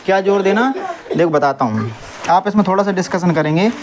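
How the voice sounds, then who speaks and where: A man's voice: high voice, animated, a little fast, crowd noise. Young guy teaching english grammar to a class, quizzes pupils and answers for them, tells off noisy kids.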